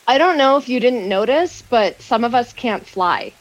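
A woman's voice: fairly high pitch, lively intonation, moderate pace, highs cut off. A woman chatting and role-playing casually as a player in a tabletop game. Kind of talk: casual chat and role-play.

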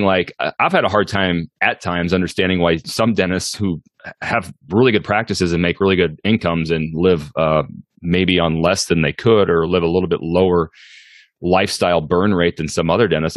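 A man's voice: sits low, moderate pace, no room sound, studio quality. A man in his forties talking casually and reflectively as a solo podcast host, circling and qualifying his points as he goes. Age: 40s.

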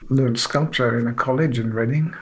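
A man's voice: medium pitch, moderate pace. A man from South Wales, a sculptor, telling his story in a rambling, self-deprecating way with many "you know"s. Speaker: sculptor being interviewed. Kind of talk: relaxed interview storytelling.

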